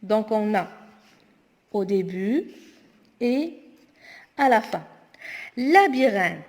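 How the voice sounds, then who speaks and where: A woman teacher going through homework exercises aloud, slowly and deliberately spelling words out. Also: mid-range voice, lively intonation, dark tone. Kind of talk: spoken homework correction lesson. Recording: long echoing reverb.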